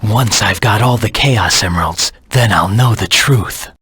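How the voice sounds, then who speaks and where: A man voicing a brooding, grimly determined hedgehog antihero in a video game, terse and grave, with a gravelly, husky voice. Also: on the low side, unhurried, bright, forceful tone, no echo, exaggerated voice. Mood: grim, focused. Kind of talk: dramatic video game voice acting, scripted monologue.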